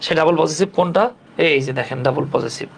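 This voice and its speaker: High-voiced teacher, chatty. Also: male voice, brisk, vocal fry. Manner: explains step by step, with colloquial banter and rhetorical questions. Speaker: English teacher. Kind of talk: casual classroom lesson.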